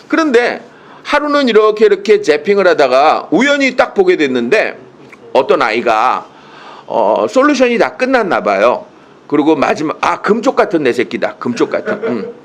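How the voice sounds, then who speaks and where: Playful, lively male humor lecturer. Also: a little high. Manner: playful, teasing storyteller who acts out quotes. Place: indoors, speaking to a monitor. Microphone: video call.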